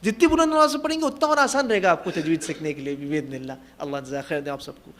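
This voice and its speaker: A man teaching Quran recitation in a tajweed class, encouraging his students and demonstrating the verses in a slow, drawn-out chant. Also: fairly high pitch. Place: classroom in Jeddah.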